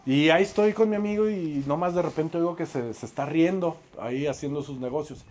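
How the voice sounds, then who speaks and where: A man with a Mexican accent preaching through a lively, self-mocking story, acting out the voices of the people in it. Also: on the high side, fairly quick. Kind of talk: storytelling sermon.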